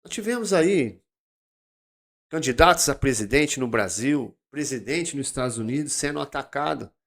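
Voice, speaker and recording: A man with a Brazilian accent hosting a daily Bible study. He talks casually, tells stories and reads verses with loud, emphatic bursts. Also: mid-range voice, expressive, normal speed, vocal fry. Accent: Brazilian Portuguese.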